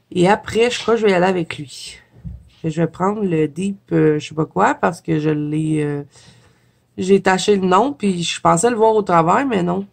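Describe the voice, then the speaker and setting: This Quebec French-accented woman, nasal with a head cold, paints on camera and talks casually to her viewers in a creaky, mid-range voice. A chatty watercolor coloring vlogger, she laughs frequently and makes fun of herself.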